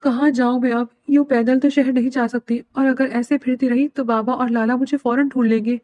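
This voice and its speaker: A woman's voice: high-pitched, steady tone, no room sound, muffled recording, natural voice. Scared crying young woman begging for help, read by a lady, dry close sound. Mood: worried. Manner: tearful pleading. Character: young woman, frightened, tearful, pleading.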